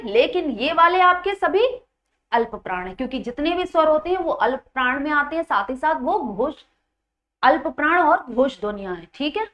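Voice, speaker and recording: Explaining quiz questions in a Hindi grammar exam-prep class, a woman teaches instructively, quizzing students and going back over key points. Her high voice sounds pushed and bright.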